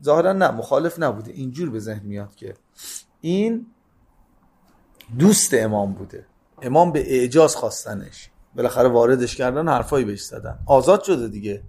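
A man giving a religious talk. He reads out classical Arabic lines and then retells them in relaxed, colloquial speech, jumping between loud, stressed phrases and soft, quick asides. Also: mid-range voice, husky. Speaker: religious lecturer. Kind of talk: sermon-style hadith storytelling.

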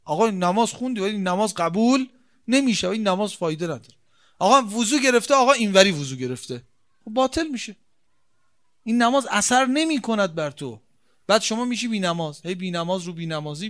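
A man preaching a religious sermon, emphatic, repeating key phrases and asking rhetorical questions, swinging between soft and forceful. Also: high-pitched.

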